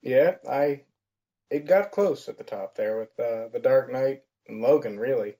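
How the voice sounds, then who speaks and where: A man's voice: mid-range voice, unhurried, warm tone. A teenage American man from Pennsylvania, a film reviewer giving brief, modest answers in a casual interview. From Pennsylvania, USA. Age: teens.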